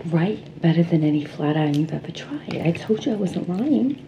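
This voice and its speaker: A woman playing a pushy, flattering salon sales associate with a New Jersey accent in an ASMR role-play, chewing gum as she talks. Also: on the low side, normal speed. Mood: soothing, attentive. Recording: clearly noisy background.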